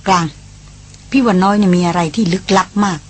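A woman reader voicing a firm male expedition leader, the eldest brother, giving calm orders. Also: high voice, brisk, slightly rough. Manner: firm commanding.

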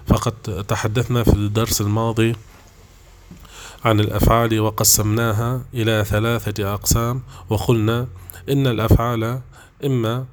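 A man teaching a grammar lesson, patient and repetitive, pausing often with drawn-out fillers. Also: lowish voice, slight background noise. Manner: patient, repeats examples and restates points; frequent hesitations with drawn-out fillers.

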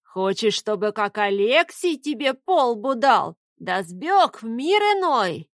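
A woman voicing a fierce, feisty old grandmother witch who scolds in a shrill voice. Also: very animated, takes it slowly, dry recording, clean studio sound. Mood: scolding.

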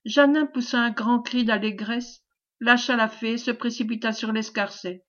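A woman reads a novel aloud as an audiobook narrator, calm and measured. Her voice sits fairly high, and the recording has a slightly dull, lo-fi sound. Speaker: audiobook reader.

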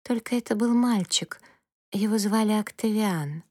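A woman voicing a dreamy, sleepy magical girl who speaks softly and slowly, half in a whisper, in a storybook reading. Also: mid-range voice, no echo, voice pushed up, close to an everyday voice. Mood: drowsy. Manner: soft, slow, drowsy, half whispering.

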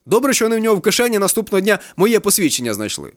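Brief: a man playing an agitated, foul-mouthed police captain, middle-aged, pitched high and loud, fast and lively. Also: no room sound, studio quality. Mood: agitated ranting. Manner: shouting, swearing, rambling.

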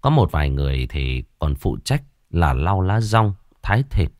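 A man narrating a scripted ghost story in a dramatic, suspenseful way with slow pauses. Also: sits low, sing-song, a little mellow, no room sound, studio quality.

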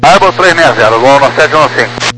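A man's voice: medium pitch, lively intonation, moderate pace, sharp tone. A Brazilian man speaking as a pilot on air traffic control radio, giving brief readbacks and calls. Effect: aviation radio. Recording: humming, slightly noisy cockpit radio.

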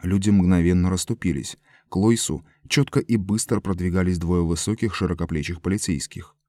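A man reading an audiobook as narrator in a measured, even storytelling manner. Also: deep voice.

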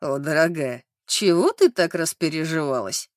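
A man voicing a sly, gloating male newspaper reporter in an audiobook, with a mocking, drawn-out way of talking. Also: on the high side, expressive, a bit bright, dry recording, clean studio sound. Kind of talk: audiobook character reading.

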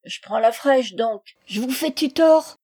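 A woman voicing a hoarse, weary male tramp who speaks in rustic country talk, raised and stubborn. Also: fairly high pitch, expressive, unhurried, voice pushed up. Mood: defiant. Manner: rustic country speech, loud.

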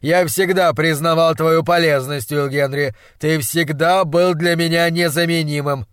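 A hoarse, excitable middle-aged scientist, put on by a male audiobook reader who barks at his young assistant in loud, emphatic bursts. His voice sits a little higher than the narration around him and sounds close and dry. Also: measured pace, no room sound. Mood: coaxing. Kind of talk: audiobook character voice.

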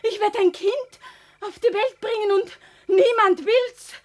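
A woman's voice: very high voice, a little slow. A woman playing a desperate pregnant young village woman in a radio play, sobbing and shrieking. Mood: pleading.

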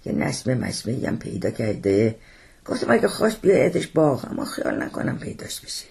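A man's voice: mid-range voice, big pitch swings, creaky, darkish tone, husky, exaggerated voice. A man reading an audiobook, voicing a merry, easygoing young nobleman who is about to be married. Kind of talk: audiobook character voice.

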